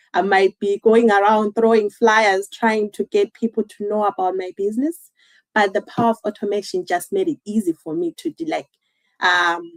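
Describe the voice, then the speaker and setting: A woman from Zimbabwe joins a livestream as a guest and talks in a casual, conversational and earnest way, using many "like" and "um" fillers. Her voice is medium in pitch, and the recording quality is low.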